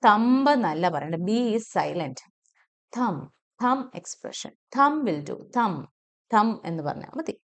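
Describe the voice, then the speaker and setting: A woman with a Malayali accent teaching English pronunciation, repeating each word slowly and deliberately. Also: lowish voice, sing-song, vocal fry. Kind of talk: pronunciation lesson.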